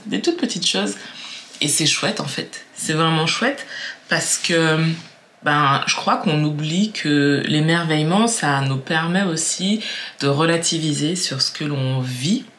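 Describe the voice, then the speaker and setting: A young woman from Martinique chats to camera in a relaxed vlog. She muses aloud, circling back on her thoughts and repeating words as she goes. Faint background noise sits under her voice. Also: sits low. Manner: chatty, musing, many fillers and repeats. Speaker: vlogger. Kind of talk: casual reflective vlog.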